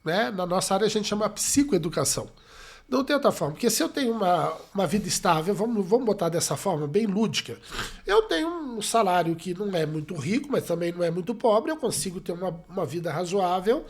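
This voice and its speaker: A man from Brazil speaks in a notably high voice. He answers interview questions as a psychologist. He tells workplace anecdotes and voices each side of the conversation. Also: quick pace. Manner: expressive storyteller, acts out quoted dialogue. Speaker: psychologist guest.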